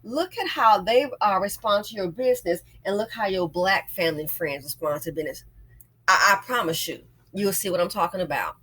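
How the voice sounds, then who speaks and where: A woman's voice: medium pitch, normal speed, a bit bright, slightly rough, rough recording. A woman giving a casual, opinionated monologue as an online host, emphatic and often repeating phrases to drive a point home. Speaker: YouTube host and small business owner.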